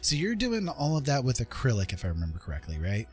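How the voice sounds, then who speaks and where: This livestream host talks fast at a medium pitch, his voice swinging widely up and down. He chats casually with his viewers and pours out thanks, with music running in the background.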